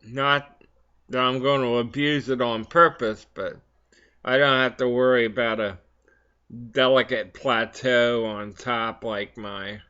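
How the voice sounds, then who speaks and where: A man talks at an unhurried, slow pace in a medium-pitched voice, pausing and hesitating as he goes. He sounds like a pipe smoker chatting casually between puffs. The recording is a little dull and lo-fi. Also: steady tone, pushed and bright, smooth. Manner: halting, hesitant delivery with frequent long pauses. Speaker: vlog host. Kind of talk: casual rambling pipe-and-chat monologue.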